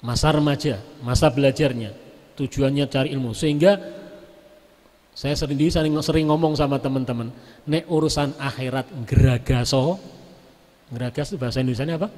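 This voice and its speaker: A man's voice: medium pitch, a little fast. A male preacher giving a storytelling sermon, mixing words into his speech. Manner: mixes Javanese words into Indonesian, lively storytelling. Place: main prayer hall of a large mosque. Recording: long echo of a large prayer hall.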